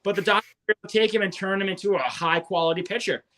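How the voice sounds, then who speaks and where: A man's voice: high-pitched, rapid-fire, sharp tone. A young man co-hosting a fantasy baseball podcast, rattling off stats with enthusiasm. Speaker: co-host.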